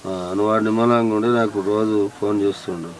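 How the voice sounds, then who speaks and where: A man acting as an older, doting village father who speaks slowly and softly in a comedy skit. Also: lowish voice, little pitch movement, lightly acted, low-quality recording. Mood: tender. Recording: music behind the voice.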